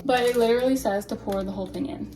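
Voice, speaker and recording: A woman's voice: fairly high pitch, fast. A young woman vlogging casually in her home kitchen while she bakes, rambling and self-deprecating, with lots of fillers. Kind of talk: casual chat while baking. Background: faint lofi music.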